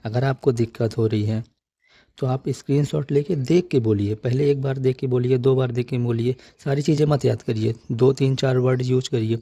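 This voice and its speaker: A male English teacher giving a spoken lesson, slowly repeating phrases for practice in an encouraging tone. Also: mid-range voice, fairly even intonation, warm tone, dry recording. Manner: encouraging, coaxing tone.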